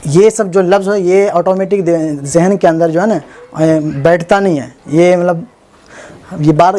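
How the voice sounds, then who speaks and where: A man teaching Urdu script online, spelling out each word slowly letter by letter and checking in often with the viewer. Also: a little high, a little mellow. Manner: slow spelling out letter by letter, repeating words; informal, self-correcting, many "theek hai na" check-ins. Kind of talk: online writing lesson.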